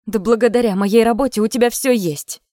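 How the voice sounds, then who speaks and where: A brisk, dismissive middle-aged mother who scolds her grown daughter, played by a woman reading a novel aloud. She speaks a little above the narrator's own pitch, in a dry, close recording. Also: mellow, no echo, natural voice. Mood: scolding.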